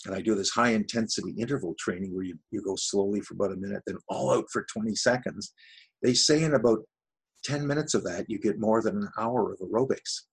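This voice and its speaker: This retired Canadian man in his sixties, a voice-over artist, chats as a guest in a casual interview about his voice-over work, rambling and poking fun at himself. His voice sits on the low side, moving at a quick pace with vocal fry and a slightly rough edge.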